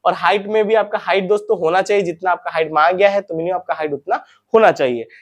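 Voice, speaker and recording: Casting note: young male host, high voice, quick and chatty, keeps repeating key points to his viewers. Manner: addresses viewers as friends and brothers. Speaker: recruitment info channel host. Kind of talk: informal advice talk to viewers.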